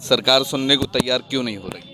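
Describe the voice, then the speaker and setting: A man's voice: medium pitch, fast talker, bright, forceful tone. A male reporter at a street protest asking probing, challenging questions. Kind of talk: field interview questions.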